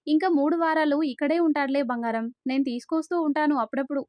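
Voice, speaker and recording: Storybook part: sharp-tongued young village woman, always protesting, voiced by a woman narrator, high and dry. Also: fairly even intonation, fast, no room sound, close to an everyday voice. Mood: flustered. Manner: flustered, protesting.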